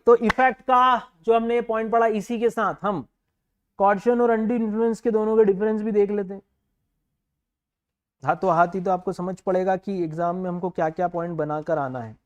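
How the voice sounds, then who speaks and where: A man with an Indian accent teaching a live online law revision class. He mixes Hindi and English, slowly dictates legal wording and answers student comments as they come in. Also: high-pitched, dull audio. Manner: reads student comments aloud and answers them.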